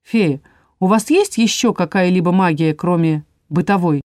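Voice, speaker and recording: A woman voicing a calm male dragon inquisitor who speaks softly and soothingly. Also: lowish voice, moderate pace, no room sound, clean studio sound, lightly acted. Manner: soft, soothing, hushed.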